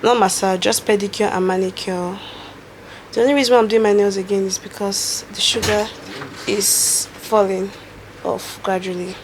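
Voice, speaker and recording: A woman's voice: mid-range voice, fairly even intonation, moderate pace, a little hiss or hum. A young woman, a bride-to-be, chatting casually to her camera from her bedroom. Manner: chatty, giggly, talks to camera. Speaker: vlogger, bride-to-be. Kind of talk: casual vlog chat. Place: bedroom, indoors.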